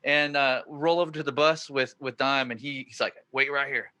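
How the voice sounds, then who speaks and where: A man in his forties hosts a podcast and tells a winding story. His voice is bright and forceful, sits at an everyday middle pitch, and rises with excitement as the story peaks. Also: moderate pace. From northern California. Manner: excited, rambling storyteller who gets louder at the punchlines. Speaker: podcast host. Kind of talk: casual storytelling chat.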